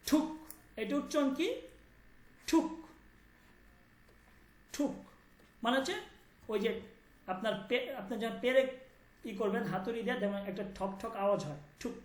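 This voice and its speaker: A man teaching an online language class, patiently repeating sounds and checking that students understand. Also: very high-pitched. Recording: roomy echo.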